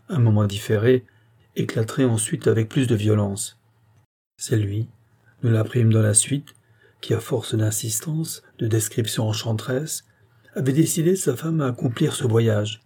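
A man reading a short story aloud in scripted narration, measured and dramatic. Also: medium pitch, dark tone, slightly rough. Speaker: story reader.

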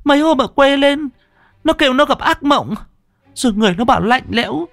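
A man's voice: very high-pitched, drawn-out words, fairly bright tone, no room sound, soft background music, voice pushed up, exaggerated voice. A man voicing a terrified young woman lodger who stammers in panic. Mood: panicked.

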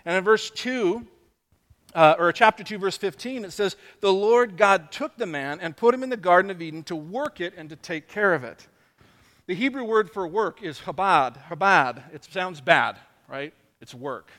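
A middle-aged man giving a sermon, his voice pitched high and bright, ringing with a long reverb. He talks conversationally, jokes at his own expense and restarts his phrases often. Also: lively intonation, moderate pace. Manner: conversational, self-deprecating, many restarts. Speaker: pastor.

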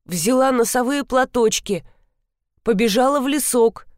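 A frightened young woman, voiced by a woman reader, complains in a tearful, slow voice. Recorded close and dry, audiobook style. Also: fairly high pitch, no echo, voice pushed up, close to an everyday voice. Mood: complaining.

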